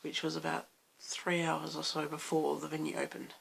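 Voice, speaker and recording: A young Australian man with a hoarse, croaky voice, chatting loosely in a late-night vlog and rambling through restarts. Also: fairly high pitch, completely flat delivery, moderate pace, fairly bright tone. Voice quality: gravelly fry. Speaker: vlogger.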